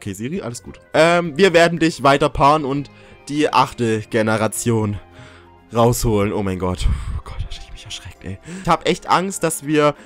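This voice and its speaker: A young man talks his viewers through a game in a loose, joking way, his pitch bouncing all over the place. He yelps and curses when something catches him off guard. Faint game music plays underneath. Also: normal speed. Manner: excitable, jokey, swears and yelps when startled. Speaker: gaming YouTuber. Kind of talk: casual let's-play commentary.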